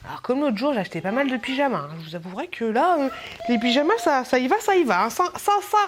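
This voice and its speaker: A woman's voice: high voice, big pitch swings, fast talker, background noise. A young woman chatting casually as she shows a clothing haul. She rambles, laughs often and turns aside to talk to her baby. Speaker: mom vlogger showing a clothing haul.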